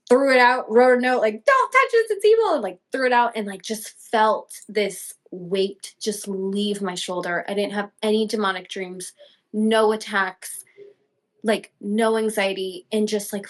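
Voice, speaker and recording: A young woman guest telling a personal story, acting out her own quotes with big leaps in pitch. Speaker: podcast guest.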